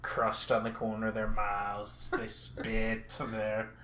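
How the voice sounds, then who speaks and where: Slow, halting man on a podcast. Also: lowish voice, completely flat delivery, fairly bright tone. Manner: halting, many filler pauses, dry crude jokes. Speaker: podcast co-host. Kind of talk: casual podcast chat.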